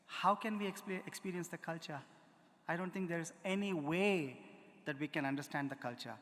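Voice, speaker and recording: Speaking in a large auditorium, this music lecturer has an Indian accent and a fairly high voice for a man. He voices rhythm syllables to demonstrate them and keeps quizzing the audience, while the hall's long echo trails after each phrase.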